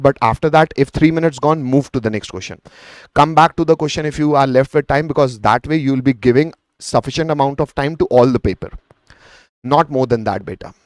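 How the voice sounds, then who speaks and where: A man's voice: fairly high pitch, darkish tone, no room sound. Indian-accented man teaching a live class, dry sound. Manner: mixes Hindi into English, addresses students as beta. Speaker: chemistry teacher. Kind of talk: live online exam lesson, explaining and answering student questions.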